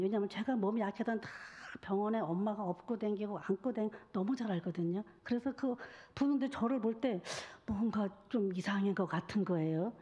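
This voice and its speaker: A woman evangelist giving a sermon testimony, telling her story in an intimate, often hushed way. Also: mid-range voice, muffled recording.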